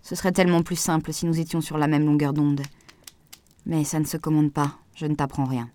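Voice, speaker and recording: A woman voicing a calm, soft-spoken man in an audiobook, speaking gently and with measured words. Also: fairly low pitch, natural voice. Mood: gentle firm. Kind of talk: audiobook dialogue reading.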